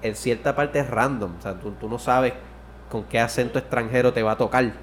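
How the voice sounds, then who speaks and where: A man's voice: mid-range voice, steady tone, a little fast, a little hiss or hum. Rambling man chatting. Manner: rambling, swears often, restarts mid-sentence. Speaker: podcast co-host. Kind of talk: casual chat.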